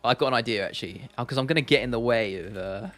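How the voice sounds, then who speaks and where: A man's voice: medium pitch, fast, a bit bright. A man hosting a casual livestream, chatting informally and laddishly with viewers and repeating phrases for emphasis. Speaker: livestream host. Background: faint music, keyboard clicking.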